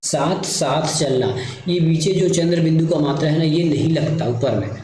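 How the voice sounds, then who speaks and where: A man's voice: a little high, a little fast, dark tone. A man teaching a spelling lesson, repeating words and checking in with his listeners while he writes them out. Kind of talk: spelling lesson explained at a board. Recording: very echoey room with faint noise.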